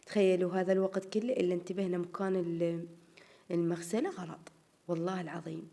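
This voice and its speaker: This home vlogger is a woman with an Iraqi Arabic accent who casually talks her viewers through her home routine and keeps calling them "girls." She speaks fast in a warm, lowish voice with fairly even intonation, and she sounds somewhat tired and strained.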